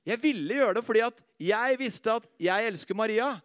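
High-voiced, lively male preacher. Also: no echo, studio quality. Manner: animated storytelling, laughs at himself, drops soft and slow on faith lines. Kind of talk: sermon with personal stories.

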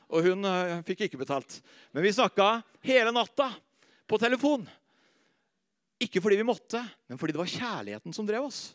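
Male preacher, middle-aged, high voice, anecdotal and animated, dry close sound. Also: no echo. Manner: animated storytelling, laughs at himself, drops soft and slow on faith lines. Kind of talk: sermon with personal stories.

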